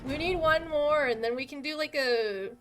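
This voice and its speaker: A woman's voice: sits high, moderate pace, soft background music. A woman chatting casually on a game livestream in a hyped, slangy gamer manner, exclaiming and giggly. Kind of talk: casual, excitable gaming livestream chat.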